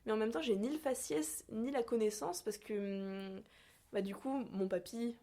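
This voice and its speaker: A woman's voice: on the high side, moderate pace, mellow. A young woman from France talking casually, hesitant and full of fillers as she searches for her words. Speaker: podcast guest. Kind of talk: casual conversation.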